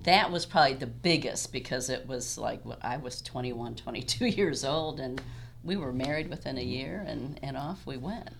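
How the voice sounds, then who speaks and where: A woman's voice: rumbling low, normal speed, gravelly, slight background noise. A woman in her sixties, a podcast guest, telling stories in reflective, casual conversation.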